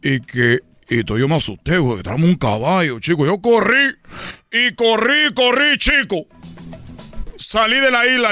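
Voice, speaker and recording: A man's voice: high voice, sharp tone, clean tone. Rambling comic male storyteller. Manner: rambling storyteller, laughs at own jokes. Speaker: comedy host. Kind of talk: improvised comedy radio sketch.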